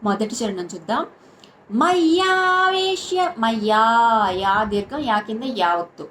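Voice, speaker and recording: A woman teaching the recitation of Sanskrit verses, slowly chanting syllable by syllable and breaking off into quick, quiet explanations. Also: medium pitch, a little hiss or hum. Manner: alternates slow sung chanting with quick quiet spoken explanations.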